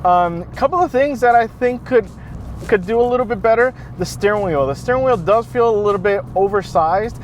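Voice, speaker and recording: A man's voice: sits high, fairly quick, slight background noise. A man hosting a casual car review outdoors, talking enthusiastically with many fillers and restarts.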